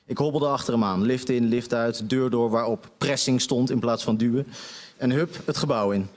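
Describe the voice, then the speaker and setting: A man's voice: mid-range voice, moderate pace, big-room sound. A man giving a live reading of a satirical comic story on a stage, with dry, wry narration. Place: stage of a debate venue.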